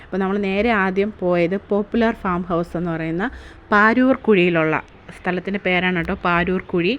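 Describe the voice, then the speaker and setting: A woman's voice: lowish voice, moderate pace, a bit bright, lo-fi sound. A woman narrating her family day-out vlog in a casual, chatty way, often asking viewers to comment. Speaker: vlogger.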